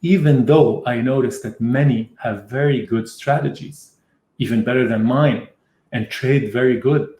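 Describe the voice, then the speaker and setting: A man's voice: mid-range voice, a little slow, dark tone. A middle-aged man hosting a trading webinar, teaching conversationally and explaining through stories. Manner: storytelling, explains with anecdotes. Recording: roomy echo.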